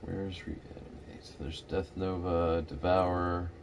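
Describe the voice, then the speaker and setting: A man's voice: low-pitched, level tone, slow pace, slight background noise. A man chatting casually while gaming in a laid-back way, reading item stats aloud. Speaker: gamer. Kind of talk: casual gameplay chat.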